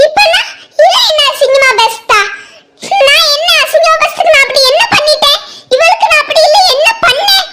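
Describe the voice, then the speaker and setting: A performer voicing a shrill, defiant wife. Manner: shouting and sobbing, stubborn refusals. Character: wounded, defiant wife in a family quarrel. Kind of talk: cartoon family drama voice acting.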